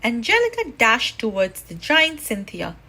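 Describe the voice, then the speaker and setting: Animated woman reading to kids. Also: on the high side, moderate pace. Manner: expressive, animated. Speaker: storybook reader. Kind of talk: children's read-aloud.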